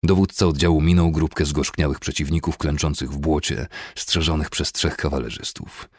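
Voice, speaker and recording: A man narrating a fantasy audiobook in a steady, measured way. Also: extremely low pitch, no room sound, clean studio sound.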